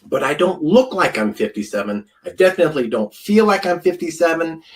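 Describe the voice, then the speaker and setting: Close to the camera microphone, a man in his fifties who works as a food scientist rambles through a casual wellness talk in a medium-pitched voice, his speech full of fillers and chatty asides.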